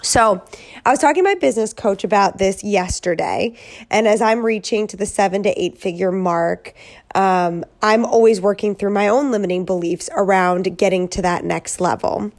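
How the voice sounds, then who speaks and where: A woman's voice: mid-range voice, normal speed. Woman with a head-cold voice. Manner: chatty, with frequent ums and likes. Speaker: podcast host. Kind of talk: casual solo podcast talk.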